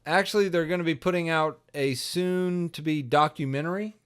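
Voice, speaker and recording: A man co-hosting a podcast in casual chat, jokey, with quick bursts of enthusiasm. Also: a little high, clean tone. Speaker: podcast co-host and voice actor.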